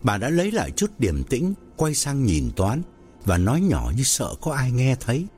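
A man narrating a ghost story in a slow, measured storytelling manner. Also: mid-range voice, huge pitch swings, a little mellow, soft background music.

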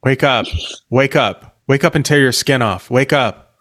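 A dreamy, distant voice drifts in from a dream, slow and pleading, begging a sleeper to wake up, as a man puts it on. Its pitch sits in an ordinary middle range, with drawn-out words repeated over and over. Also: a bit bright. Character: dreamy distant voice calling a coma patient to wake. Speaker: podcast co-host. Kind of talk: joking group chat.

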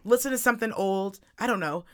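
A woman co-hosting a casual podcast, her voice hoarse, raspy and strained as if nearly gone, talking bluntly with plenty of slang. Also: medium pitch, quick pace, fairly bright tone. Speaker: podcast co-host. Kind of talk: casual chat. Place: studio.

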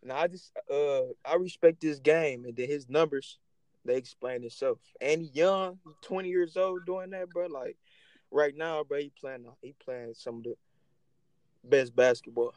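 A man's voice: fairly high pitch, normal speed, a little mellow, dry recording. A young man co-hosting a casual podcast over a phone call, laid-back and teasing the others. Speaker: podcast co-host. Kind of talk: casual chat.

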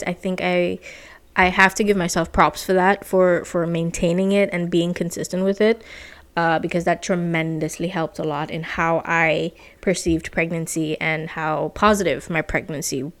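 A woman's voice: on the low side, smooth. Breathless pregnant woman chatting casually. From Saint Martin, Caribbean. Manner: chatty, many fillers like "like" and "you know". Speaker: podcast host. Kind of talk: casual personal update.

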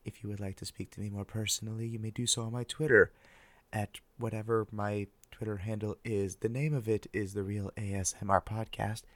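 Low-voiced man, soft close-up ASMR whispering. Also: level tone, a little fast, dry recording. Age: older. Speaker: podcast host. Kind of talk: soft ASMR podcast monologue.

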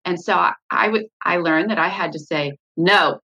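A woman's voice: on the low side, normal speed, sharp tone, slightly rough, muffled recording. A woman, a mother, talking candidly in an interview about her parenting, with many fillers and restarts. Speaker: parent guest sharing her story.

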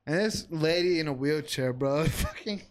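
High-voiced young man telling slangy stories. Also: normal speed. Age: young adult. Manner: heavy slang, profane, calls listeners bro and dude. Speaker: podcast co-host. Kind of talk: casual storytelling banter.

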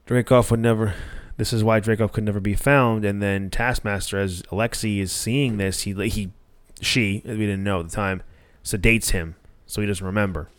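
Low-voiced man recapping a movie. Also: clear, resonant tone. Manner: rambling, restarts often, swears casually. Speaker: podcast host. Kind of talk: casual movie recap chat.

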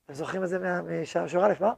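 A man lectures his yeshiva students in an animated way, repeating words to drive his points home. His voice sits high for a man and is heavily gravelly and husky. The sound is close and dry. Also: no echo. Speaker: yeshiva head rabbi.

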